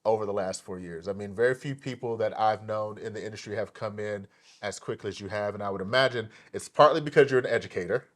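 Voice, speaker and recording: A man hosting an interview show, talking with animated enthusiasm and lots of fillers and restarts. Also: on the low side, quick pace. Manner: animated, hyped delivery with many fillers and restarts. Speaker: podcast host.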